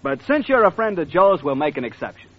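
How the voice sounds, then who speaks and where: A man's voice: on the high side, big pitch swings, fast, breathy edge. A man playing a slick, wheedling crooked music publisher, in 1940s radio comedy style, on a dull old recording.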